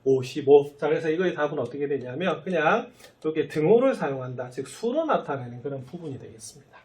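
Male math teacher, slightly high voice, quizzes his students and answers for them, drags out key phrases. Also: expressive, quick pace, a little mellow. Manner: asks the students questions, then answers them himself; often starts sentences with "so" and "well then". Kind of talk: lecture.

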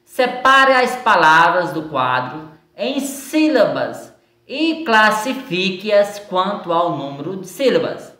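Slow, patient Brazilian woman teacher. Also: lowish voice, sing-song, pushed and bright. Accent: Brazilian Portuguese. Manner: slow and patient, stretching words out syllable by syllable. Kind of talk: recorded lesson going over exercises. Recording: echoey room sound.

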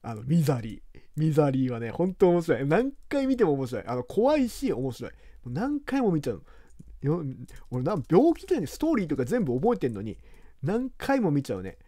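A man from Japan talking casually over a video game he plays, rambling and chatty in rough, informal speech. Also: fairly high pitch, huge pitch swings, moderate pace, dark tone, no echo, studio quality. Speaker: game commentator. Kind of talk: casual let's-play commentary.

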